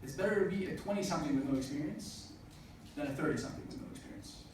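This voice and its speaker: A man in his twenties, voice pitched on the high side and racing, delivers an earnest motivational speech at a student business event, filling it with frequent "uh"s. The recording is noisy and echoey, captured from far off in a hall.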